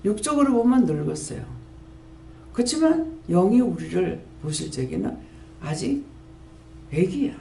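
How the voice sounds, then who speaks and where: A creaky-voiced woman in her fifties, pastor of a prayer house, shares an earnest sermon testimony in a Gyeongsang Korean accent. She tells it like a story, her pitch swinging lively up and down. The room echoes, with faint ambience and slight background noise.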